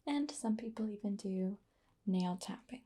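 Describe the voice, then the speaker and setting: A woman whispering softly through an ASMR roleplay, pausing often with fillers as she explains each trigger. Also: medium pitch, slightly rough. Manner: soft whispering with frequent fillers. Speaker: ASMR artist.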